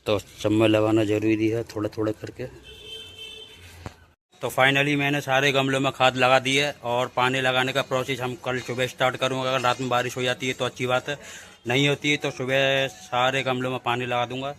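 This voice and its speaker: A man narrating a casual family vlog, talking softly to the camera as he tends potted plants and watches his sleeping daughter. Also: medium pitch, level tone, moderate pace, low-quality recording. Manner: talks softly to camera while working with plants; raises voice into coaxing singsong when talking to his little daughter. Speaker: vlogger, father. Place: home, partly outdoors among potted plants.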